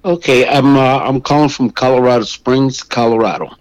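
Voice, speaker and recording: An older man from Mexico, a guest on a radio show, telling his story slowly with many restarts and fillers. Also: mid-range voice, no room sound, low-quality recording. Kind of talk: phone interview.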